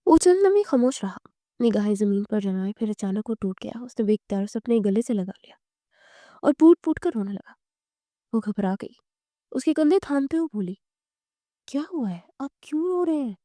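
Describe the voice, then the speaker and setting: A woman slowly narrating a romance novel in a hushed, emotional storytelling manner. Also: medium pitch, expressive, dry recording, studio quality.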